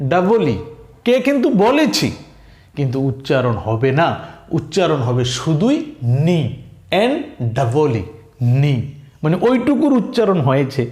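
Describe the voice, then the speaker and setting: A man with a Bangladeshi accent teaching English, slowly spelling words letter by letter and quizzing his viewers. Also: fairly high pitch, a little mellow. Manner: slow, repetitive teaching, spells words letter by letter and asks questions. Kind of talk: spoken language lesson. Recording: echoey room.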